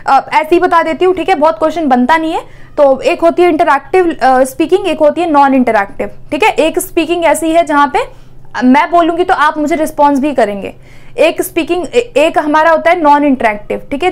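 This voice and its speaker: High pitched woman teacher doing an exam prep lecture, keeps asking a question then answering it. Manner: explanatory, repeats "theek hai" often.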